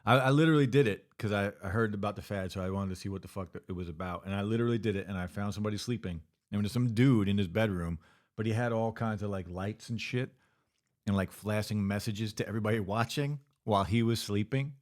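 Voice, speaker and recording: A man's voice: fairly low pitch, fast talker, darkish tone. A man co-hosting a casual podcast, laid-back and cursing casually. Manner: laid-back, swears casually, calls people dude. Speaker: podcast co-host. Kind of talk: casual chat.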